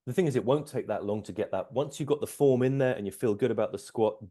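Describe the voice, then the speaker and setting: A man giving casual coaching commentary, explaining in a measured way and checking for agreement. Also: medium pitch, warm tone. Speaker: strength coach, host.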